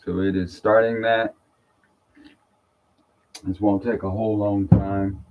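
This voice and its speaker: A man streaming live as a trader, chatting offhand and thinking aloud while he tries out new software. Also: fairly low pitch, little pitch movement, takes it slowly, slight background noise. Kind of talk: casual live commentary. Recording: tinny phone-like sound.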